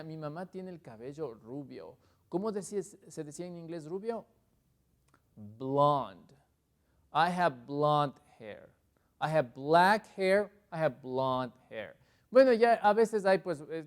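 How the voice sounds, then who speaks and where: Cheerful male English teacher, slightly high. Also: darkish tone. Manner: slow, drawn-out model phrases in English. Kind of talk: TV English lesson. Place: TV studio.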